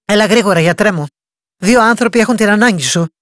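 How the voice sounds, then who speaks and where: Voicing a kind young princess in a bedtime story, a woman speaks a little higher than her narrating voice, gentle and earnest yet urgent and pleading in mood. The delivery is lightly acted and the recording dry.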